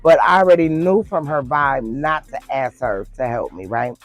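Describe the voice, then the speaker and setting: A woman's voice: extremely low pitch, moderate pace, no room sound, soft background music. A woman telling a personal story to her viewers in a casual, chatty way, calling them girl and y'all. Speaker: storytime vlogger.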